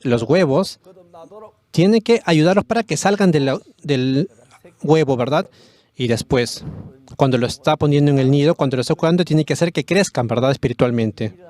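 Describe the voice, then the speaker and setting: A man's voice: a little high, normal speed, a little mellow. A man preaching a sermon with passion, lifting his voice on key words and sometimes restarting a phrase. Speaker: pastor.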